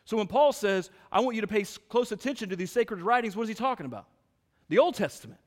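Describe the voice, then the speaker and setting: A man's voice: on the high side, big-room sound. A man preaching a sermon, reading scripture aloud and building emphasis with rhetorical questions. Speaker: pastor.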